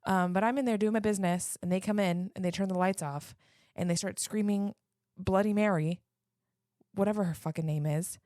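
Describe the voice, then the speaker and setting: A woman's voice: mid-range voice, quick pace, few pauses, mellow, no room sound, clean studio sound. A woman in her thirties co-hosting a podcast, telling a childhood story in casual, self-mocking chat with plenty of swearing. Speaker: podcast co-host.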